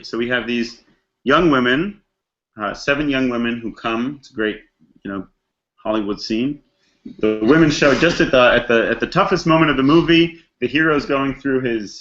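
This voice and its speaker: The audio is dull, but the man's medium-pitched voice comes through a bit bright. As a rabbi teaching a text study class, he gives a chatty scripture lesson, reflecting on the story and tossing out rhetorical questions while acting out characters' thoughts in casual slang of today.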